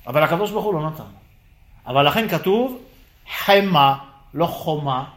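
A man teaching a lively Torah class, firing rhetorical questions and acting out the dialogue. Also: a little high.

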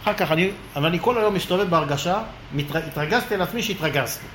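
High bright guy preaching, animated storytelling, echoey room. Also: slight background noise. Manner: lively, acts out quoted voices. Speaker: religious lecturer. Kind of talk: humorous storytelling sermon.

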